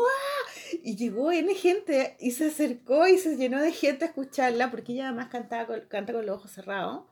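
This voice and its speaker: A young woman with a Chilean accent, hosting a podcast and telling an animated story full of voices and laughter. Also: on the high side. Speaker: podcast host. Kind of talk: casual chat.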